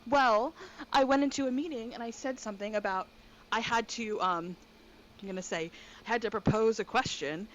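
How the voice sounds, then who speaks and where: A woman co-hosting a casual podcast chat from her bedroom, talking quickly and excitably. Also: fairly high pitch. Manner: fast, excitable talker. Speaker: podcast co-host. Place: bedroom at home. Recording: dull lo-fi with faint noise.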